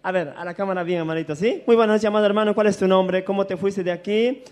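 A man's voice: high-pitched, fairly even intonation, fast talker, a little mellow. A man hosting church testimonies, welcoming and questioning a guest. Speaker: church event host.

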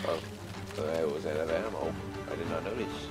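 A man in casual gaming chat, excitable and joking around. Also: rumbling low, normal speed, over loud music. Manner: excitable, jokey. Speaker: gamer.

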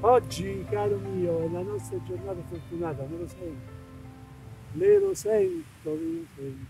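A man's voice: high-pitched, moderate pace, warm tone, soft background music, close to an everyday voice, low-quality recording. An actor with an Italian accent playing a lonely treasure hunter on a beach, talking fondly to his metal detector as if it were a companion. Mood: excited. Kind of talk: film acting. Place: beach outdoors.

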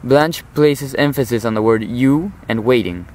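A teenage high school student giving an earnest, formal oral commentary on a literary passage. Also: male voice, moderate pace, darkish tone, a little hiss or hum, low-quality recording. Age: teens.

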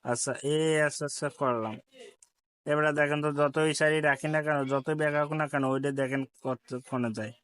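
A man's voice: on the high side, steady tone, fairly quick, a bit bright, clear, resonant tone. A man with a Bangladeshi Bengali accent giving a step-by-step app tutorial, repeating each instruction and politely addressing viewers. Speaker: tech tutorial host. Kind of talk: screen-recorded app tutorial.

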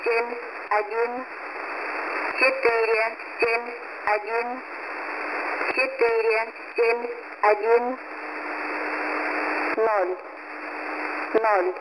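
A woman recites digits in a flat numbers-station monotone, very slow and evenly spaced. Her voice sits a little high. It comes through a shortwave radio broadcast with steady static hiss behind it. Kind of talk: repeated number reading.

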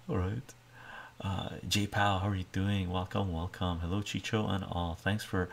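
An older man chats softly in his kitchen in front of a webcam, his low voice carrying a gravelly edge. He is a relaxed live streamer who answers viewers one by one and keeps checking in with "right?". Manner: relaxed, reads viewer comments aloud, often tags on "right?". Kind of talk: soft-spoken casual live-stream chat. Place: home kitchen, indoors. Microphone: webcam framing at the counter.

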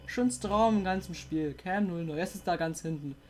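A woman playing a horror game and commenting, jumpy and excitable, often swearing and coaxing the monster on screen. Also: on the low side, normal speed. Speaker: let's player.

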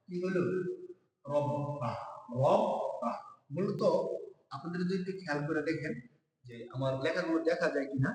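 A man teaching Quran reading in a step-by-step lesson, sounding syllables out slowly and quizzing his viewers. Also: a little high. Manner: repeats syllables slowly and asks the viewers quiz questions. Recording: very echoey room with long reverb.

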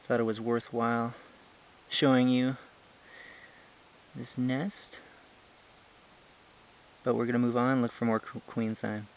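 A young man who hosts an ant-keeping channel narrates a hiking vlog on an outdoor trail, explaining things in a relaxed, chatty manner full of fillers. His medium-pitched voice moves slowly with frequent pauses, and the audio, captured on the handheld camera he's filming with, is poor.

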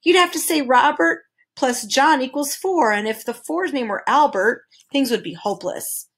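A fussy, know-it-all creature with twelve faces, voiced by a woman reading a storybook aloud. He lectures and scolds in a high, emphatic voice. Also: normal speed, fairly bright tone, breathy edge, exaggerated voice. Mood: lecturing. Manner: lecturing, pedantic, exclamatory. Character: fussy precise male twelve-faced creature.

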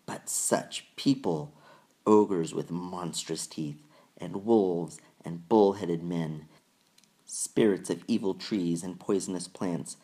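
A man reading a children's novel aloud in measured, deliberate storytelling narration. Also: low voice, warm tone. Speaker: audiobook reader. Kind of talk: scripted narration.

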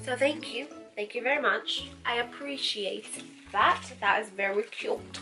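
A young woman presenting her own try-on haul vlog, chatting straight to her viewers in an excitable, friendly way. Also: on the high side, a little slow, soft background music. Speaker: fashion vlogger.

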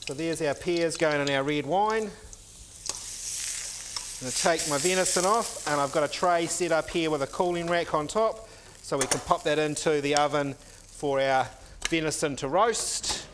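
A man's voice: on the high side, normal speed, background noise. A middle-aged man, a chef demonstrating a recipe in a teaching kitchen, explaining each step steadily as he works, with the odd "um". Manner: steady step-by-step explaining while working, with filler ums. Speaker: chef and cooking instructor. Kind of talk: cooking demonstration.

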